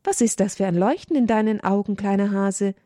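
A woman voicing a small, gentle, wounded female gazelle in a storybook reading, speaking breathlessly. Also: mid-range voice, no room sound, clean studio sound, close to an everyday voice. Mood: tender. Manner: quick, breathless whisper-like.

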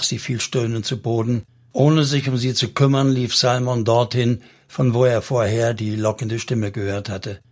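A man narrating a historical novel as an audiobook in a measured, literary way. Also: medium pitch, gravelly, breathy edge.

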